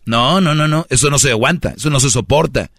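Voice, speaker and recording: A man's voice: medium pitch, brisk, a bit bright, no echo, clean studio sound. A man with a Mexican Spanish accent giving relationship advice as a radio host, in a preachy, slangy manner, often acting out the voices of the people he talks about. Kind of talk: casual radio monologue.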